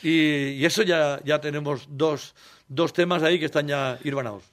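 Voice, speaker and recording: A man's voice: on the high side, fairly even intonation, moderate pace, no room sound, clean studio sound. A Spanish man in his sixties from Valencia, a singer telling childhood stories in an interview, rambling and laughing as he acts out voices. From Valencia, Spain.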